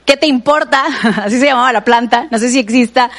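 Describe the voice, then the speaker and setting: A woman preacher with a Mexican Spanish accent delivers a sermon. Her voice sits high, and she talks to the congregation as if in conversation, with frequent asides addressed straight to the listener. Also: fairly quick, a bit bright.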